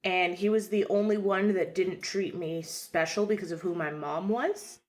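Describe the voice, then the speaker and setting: A woman's voice: lowish voice, fairly even intonation. A woman taking part in a tabletop game, talking in an earnest, chatty way. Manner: earnest, chatty, quick asides. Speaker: player. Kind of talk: casual tabletop role-play.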